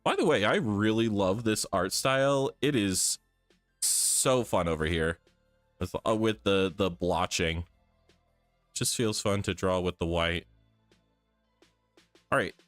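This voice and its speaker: A tired man whose voice sounds a bit off chats casually with viewers as he draws on a live stream, thinking aloud as he goes. His pitch is fairly low and his pace slow with long pauses, in a clean recording without echo and faint music behind.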